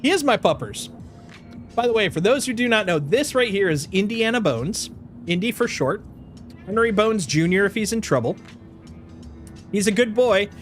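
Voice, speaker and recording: A Wisconsin game streamer chats casually on a live stream, his high, slightly nasal voice carrying a played-up Upper Midwest accent at normal speed with frequent pauses. He jokes and stays animated, laughs a lot, and slips into exaggerated folksy exclamations, with faint music in the background.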